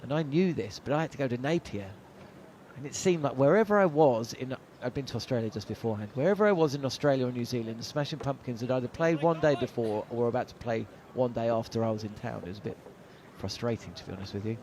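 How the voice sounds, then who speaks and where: A man's voice: mid-range voice, fast talker, darkish tone. Guy doing cricket commentary, middle-aged, chatty and storytelling, loads of uh's, bit of outdoor noise behind. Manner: chatty, anecdotal, frequent uh fillers. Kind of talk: ball-by-ball radio commentary. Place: commentary box at a cricket ground.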